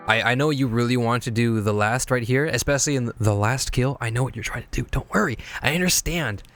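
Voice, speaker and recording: A man's voice: mid-range voice, a bit bright, no room sound. A man streaming, casually teaching video editing while reviewing viewer edits, rambling and repeating himself as he explains things step by step.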